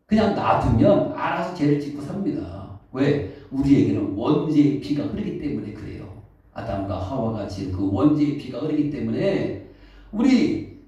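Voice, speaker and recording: A man preaching a sermon as pastor, questioning the congregation and answering himself, reading scripture slowly. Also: high voice, dark tone. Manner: reads scripture slowly and deliberately. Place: church sanctuary. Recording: echoey hall, distant, dull mic.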